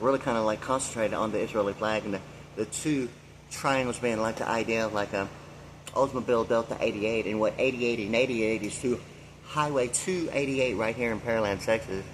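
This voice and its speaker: Against a noisy background, a sixty-something vlogger with a lowish voice wanders through a rambling monologue. He free-associates freely, filling it with fillers and loose asides.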